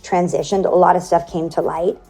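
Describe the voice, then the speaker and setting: A woman's voice: lowish voice, flat delivery, a little fast, dark tone, faint music behind. A woman interview guest telling a personal story in casual talk, acting out quoted dialogue and using many fillers.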